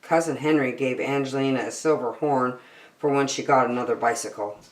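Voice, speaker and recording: This is a woman with a rumbling low voice delivering a children's story at a brisk pace. Her narration is expressive and dramatically phrased for young listeners, and the recording has a roomy sound.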